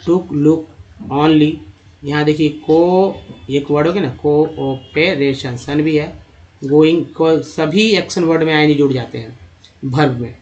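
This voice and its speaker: A man teaching how to read English, spelling out letters and sounding out words, and calling his viewers friends. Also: on the high side. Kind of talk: spoken phonics lesson. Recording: dull lo-fi voice recording.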